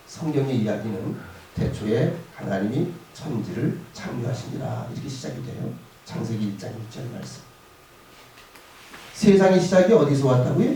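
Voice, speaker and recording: A male pastor giving a lively sermon to students in a school chapel, often asking them questions. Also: medium pitch, slight background noise. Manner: lively, asks the audience questions. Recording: echoey hall from far off.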